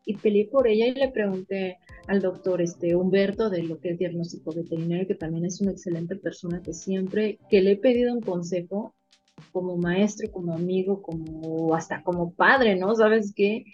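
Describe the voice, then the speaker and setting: Mexican woman, veterinarian guest, warm mellow voice, animated storyteller, dull lo-fi sound, faint music behind. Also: fairly low pitch, normal speed. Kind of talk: casual interview storytelling.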